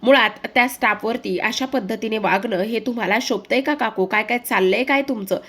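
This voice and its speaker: A woman's voice: a little high, brisk, fairly bright tone. A woman voicing an indignant young woman who scolds her aunt for mistreating the staff.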